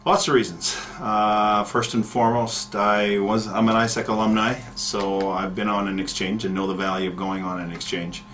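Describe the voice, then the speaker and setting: A middle-aged man, a county economic development manager answering interview questions in a measured way, with many fillers and restarts. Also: on the low side, flat delivery, fairly bright tone.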